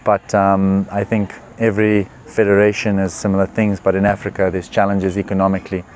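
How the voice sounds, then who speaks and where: A young man with a somewhat low voice answers interview questions in a relaxed, earnest way. He often pauses on "uh" and "you know" as he thinks. A faint background noise runs under the recording. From Zimbabwe. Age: 20s. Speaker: professional tennis player. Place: tournament venue.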